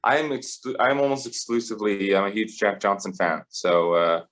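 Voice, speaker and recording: A man's voice: lowish voice, fairly even intonation, normal speed, a bit bright. A man in his twenties, a rugby player chatting easily as a guest with lots of fillers. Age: 20s. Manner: easygoing, rambling with frequent fillers. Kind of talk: casual interview chat.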